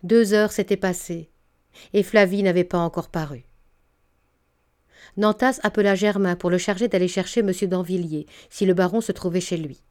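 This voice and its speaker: A woman narrating a literary audiobook in a steady, measured way. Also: lowish voice.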